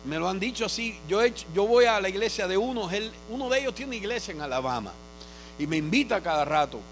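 A pastor from Cuba preaching a sermon, telling stories earnestly and building to fervent proclamation. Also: male voice, sits high, animated, fast talker, faint music behind.

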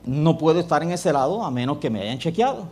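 Animated pastor telling a story. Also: male voice, a little high, a little fast, husky. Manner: animated storyteller, acts out dialogue. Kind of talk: sermon with storytelling.

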